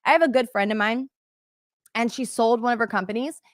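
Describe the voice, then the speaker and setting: A woman coaching an online workshop in an energetic, conversational way, often saying "like" and "right?". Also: a little high, brisk, no room sound, clean studio sound. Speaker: business coach. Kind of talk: motivational workshop talk.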